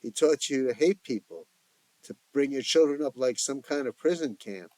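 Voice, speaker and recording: A man voicing a calm, reasoning middle-aged man who lectures the others in an audio story. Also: medium pitch, moderate pace, dry recording, natural voice. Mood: lecturing.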